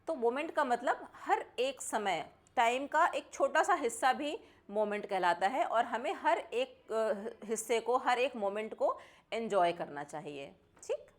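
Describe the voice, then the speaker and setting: A woman teaching a children's vocabulary lesson, mixing Hindi explanation with slow, carefully spoken English example sentences. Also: fairly high pitch, lively intonation. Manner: mixes Hindi and English, reads English sentences slowly and deliberately.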